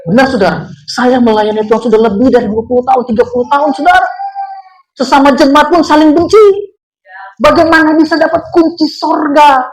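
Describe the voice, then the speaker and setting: A woman's voice: sits high, fairly quick, rough recording. A woman pastor preaching a sermon in a church, telling stories and acting out the voices in them. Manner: animated storytelling, acts out quoted voices. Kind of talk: sermon with anecdotes.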